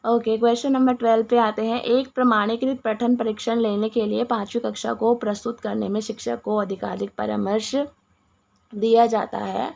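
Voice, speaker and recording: A woman with a hoarse voice and a cough, explaining answers to exam questions with restarts and many English words. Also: fairly high pitch, level tone, moderate pace, a little mellow. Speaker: teacher going through exam questions. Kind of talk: Hindi exam-prep lesson.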